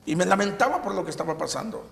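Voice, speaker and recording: Gravelly man in a hall. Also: high-pitched, animated. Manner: halting, retells scenes with acted quotes and repeats. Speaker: testimony giver. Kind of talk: personal faith testimony.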